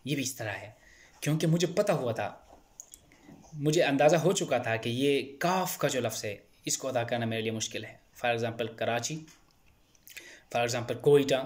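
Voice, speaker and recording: A man giving an earnest explanatory talk as a channel host, often repeating words and restarting phrases, and rising in pitch when he stresses a point. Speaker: channel host speaking on stammering.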